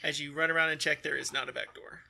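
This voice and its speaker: Game master guy, easygoing narration, lots of uhs, bright voice. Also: on the high side, little pitch movement, fast, gravelly, slight background noise. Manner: easygoing, descriptive, filler-heavy narration.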